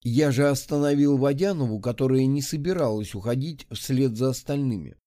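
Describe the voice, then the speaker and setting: A male audiobook narrator telling a first-person story in an even, lightly ironic voice. His tone is dark and relaxed, with a middle pitch, and the recording is dry with no room sound. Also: normal speed, no room sound.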